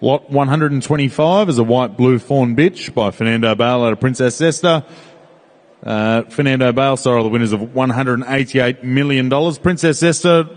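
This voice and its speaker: A man announcing auction lots and reading out their details. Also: mid-range voice. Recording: reverberant hall.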